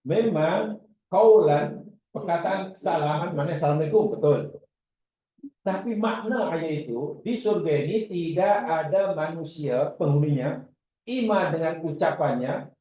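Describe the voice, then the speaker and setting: A man teaches a religious class in a lively, animated way, acting out his examples as he goes. His voice sits a little high but stays soft and mellow. The recording carries a heavy echo from the room. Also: moderate pace. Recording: echoey room.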